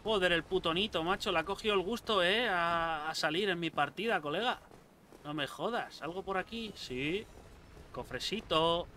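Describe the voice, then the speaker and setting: A young man giving casual let's-play commentary, excitable, swearing a lot and talking back to enemies on screen. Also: sits high, moderate pace, slight background noise. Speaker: gameplay streamer.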